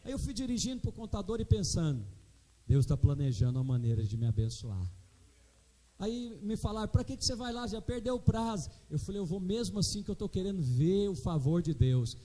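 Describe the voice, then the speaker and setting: A man's voice: high voice, very animated, fairly quick, dark tone. A middle-aged man with a Brazilian Portuguese accent preaching a sermon as pastor, calling out to the congregation for responses.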